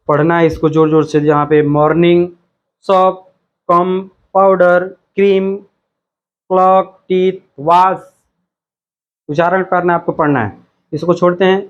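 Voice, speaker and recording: A man's voice: fairly high pitch, highs cut off. A male teacher explaining a textbook lesson, repeating himself and reading words out one by one. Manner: slow, repetitive, reads words out one by one.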